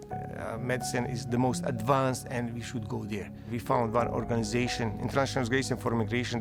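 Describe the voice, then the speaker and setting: A Bosnian-born man in his fifties, an award recipient, gives a recorded interview testimonial in Bosnian-accented English. He halts and repeats words while hunting for phrasing, his mid-range voice carrying some vocal fry. Music plays underneath.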